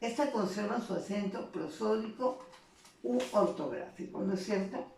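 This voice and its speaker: A woman's voice: mid-range voice, expressive, normal speed, vocal fry, a little mellow, distant mic, slight background noise. A woman teaching a secondary school grammar lesson, explaining patiently and checking in with frequent tag questions. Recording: echoey room, voice off the mic.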